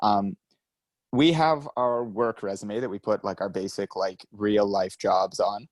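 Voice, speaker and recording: A man in his twenties co-hosting a podcast, chatting casually with quick self-mocking asides. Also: fairly low pitch, fairly even intonation, dry recording. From Canada. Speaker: podcast co-host. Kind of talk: casual chat.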